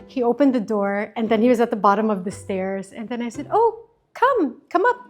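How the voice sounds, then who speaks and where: A woman in her fifties, an interview guest, telling a story in a casual, animated way and acting out quoted lines while mixing English and Filipino. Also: medium pitch, quick pace, faint music behind.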